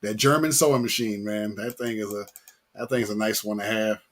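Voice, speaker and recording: Husky, laid-back man in casual chat. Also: on the low side, steady tone, a little fast. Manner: slangy, laid-back, repeats phrases.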